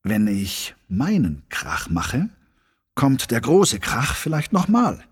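A man voicing a delighted, noisy little girl who speaks brightly and eagerly. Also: mid-range voice, slow, husky, exaggerated voice. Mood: excited. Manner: bright and excited.

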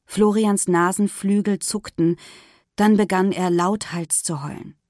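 A woman narrating a children's storybook in a lively, expressive reading voice. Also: mid-range voice, unhurried, dry recording, studio quality. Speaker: audiobook narrator.

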